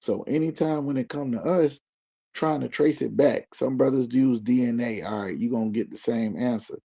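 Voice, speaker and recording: A man's voice: mid-range voice, normal speed, creaky, warm tone, breathy edge. A man speaking as a guest in loose slang, building his points like a preacher. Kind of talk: casual explaining. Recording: dull lo-fi recording.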